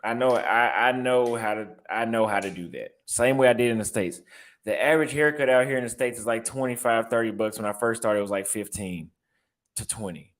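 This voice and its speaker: Looking through apartments online, this young barber and vlogger with a Texas accent talks casually, reacting as he goes and repeating himself. His mid-range voice moves at a fairly quick pace.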